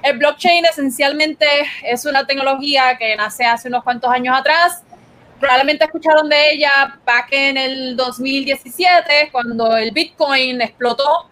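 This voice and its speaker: A woman's voice: high voice, a little slow, fairly bright tone. A Puerto Rican woman giving a casual explainer as host of a gaming segment, mixing English words into her Spanish in Spanglish.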